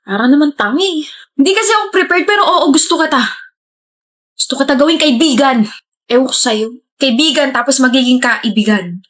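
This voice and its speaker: A woman's voice: high-pitched, lively intonation, brisk, fairly bright tone. A woman performing a playful comedy skit, trading teasing lines in casual banter. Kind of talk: acted comedy skit dialogue.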